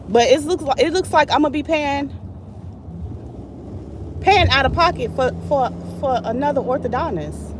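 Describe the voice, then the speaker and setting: Young woman, blunt and fed-up, cursing as she vents to camera from a car with road noise behind. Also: sits high. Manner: frustrated, blunt, swears freely. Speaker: vlogger. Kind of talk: casual venting vlog.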